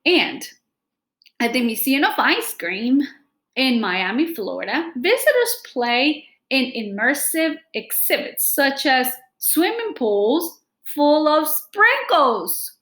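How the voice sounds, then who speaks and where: A middle-aged woman acts as a teacher, reading aloud to students in a small room at home and addressing them directly with deliberate, simple explanations. Her voice is high and a bit bright, with big pitch swings. The sound is roomy, picked up by a laptop or webcam mic at desk distance.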